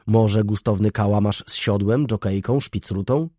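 A man's voice: fairly low pitch, moderate pace, dark tone, no room sound, studio quality, lightly acted. A man voicing a sly young shop clerk with an obsequious, insinuating manner.

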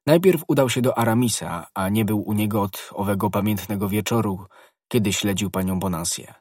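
A man narrating a classic novel as an audiobook, in measured, even storytelling. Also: on the low side, breathy edge, no room sound, studio quality. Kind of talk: scripted narration.

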